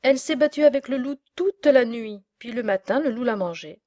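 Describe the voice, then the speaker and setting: A woman's voice: a little high, fairly quick, warm tone, no echo, clean studio sound, close to an everyday voice. A woman playing a worried, kindly old male farmer, pleading and fretful.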